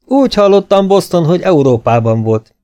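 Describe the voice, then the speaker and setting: A man's voice: sits high, very animated, dark tone, soft background music, pitched above the performer's own voice. A man voicing a cordial older British army colonel in a read-aloud story.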